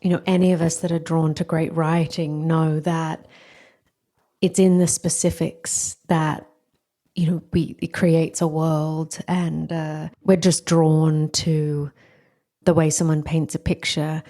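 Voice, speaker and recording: A woman hosting a podcast interview, asking questions in a thoughtful, gently phrased way. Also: low voice, flat delivery, takes it slowly. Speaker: podcast host.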